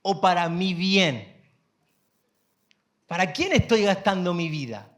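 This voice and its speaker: A male pastor delivers a sermon at an unhurried pace, leaning on drawn-out words. He keeps turning to the congregation with questions and lifts his voice on key lines. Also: high voice, lively intonation, fairly bright tone. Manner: preaching with rhetorical questions to the congregation.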